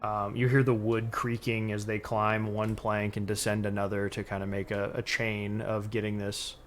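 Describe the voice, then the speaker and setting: A man's voice: on the low side, completely flat delivery, moderate pace, faint music behind. A man narrating a tabletop game as game master, describing scenes with frequent fillers.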